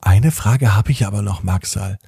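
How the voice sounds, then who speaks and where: A man voicing a curious, eager young girl in a storybook, asking excited questions. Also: lowish voice, moderate pace, vocal fry, husky, dry recording, studio quality, full character voice. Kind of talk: storybook narration.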